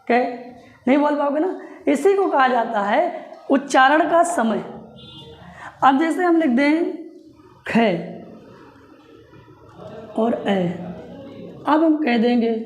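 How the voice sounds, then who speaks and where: A woman teaching a Hindi grammar class, repeating her questions and dictating definitions slowly for students to note down. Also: high voice, expressive, roomy sound, soft background music. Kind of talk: classroom lesson.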